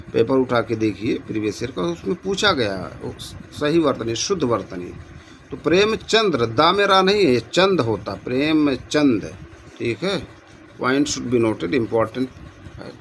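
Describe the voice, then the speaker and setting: A man's voice: mid-range voice, a bit bright, slight background noise. A man tutoring for Hindi exams, reading out quiz questions and repeating each answer to his students.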